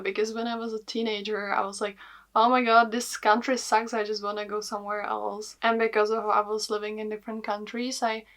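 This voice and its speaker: A woman's voice: on the high side, a bit bright. A young woman in her twenties from the Czech Republic, speaking English with a Czech accent in a chatty vlog, with lots of fillers. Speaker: vlogger. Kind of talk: casual vlog talk.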